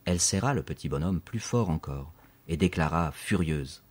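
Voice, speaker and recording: A man narrating a story in a steady, expressive audiobook reading. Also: rumbling low, moderate pace, breathy edge.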